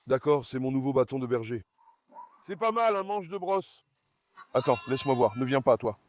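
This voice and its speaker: A man's voice: mid-range voice, lively intonation, moderate pace, a little hiss or hum. A man vlogging from his farm in a casual, chatty way, coaxing his animals fondly. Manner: chatty, coaxing and fond when talking to animals. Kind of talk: casual vlog narration.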